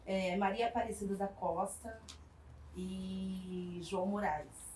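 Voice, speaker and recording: A woman, telling her life story in an interview with reflective pauses and small hesitations. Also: medium pitch, fairly even intonation. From São Paulo, Brazil. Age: 40s. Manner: reflective, warm storytelling with frequent hesitations and tag questions. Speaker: interviewee, community project worker. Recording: echoey room, distant mic, faint background noise.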